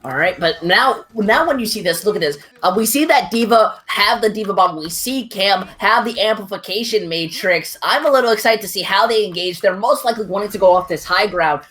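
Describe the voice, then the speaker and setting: A woman's voice: mid-range voice, animated, fairly bright tone. Woman calling an esports match live. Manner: brisk, running call of the action. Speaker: esports play-by-play caster. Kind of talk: live play-by-play commentary.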